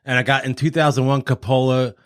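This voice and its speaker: A man's voice: mid-range voice, a little fast, a bit bright, dry recording, clean studio sound. A man hosting a podcast, introducing the pick and reading off movie facts from his notes in casual chat. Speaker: podcast host.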